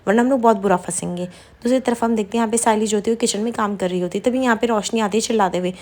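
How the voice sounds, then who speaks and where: A woman recapping a TV serial episode in a rapid, chatty retelling with quoted dialogue. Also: mid-range voice, darkish tone.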